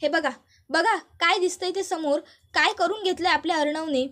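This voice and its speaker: A stern older aunt gives firm, soothing commands, as a woman narrator puts her on. She is a figure in a retold family serial, spoken in a very high voice. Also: moderate pace, a bit bright.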